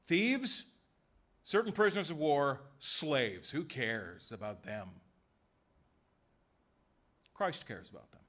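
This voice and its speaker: A man preaching in a church sanctuary, pressing his points with rhetorical questions and quick voiced asides. His voice is bright and sits fairly high, and it swings widely in pitch as he moves from hushed lines to ringing ones. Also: animated. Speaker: pastor. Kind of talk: sermon.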